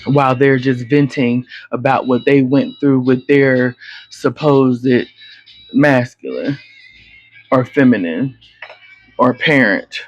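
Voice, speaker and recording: Slow-talking man doing a frank, rambling tarot reading. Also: medium pitch, no room sound, soft background music. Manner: rambling, frank and profane, many fillers and restarts. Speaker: tarot reader. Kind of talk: casual spoken tarot reading. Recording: slightly muffled lo-fi.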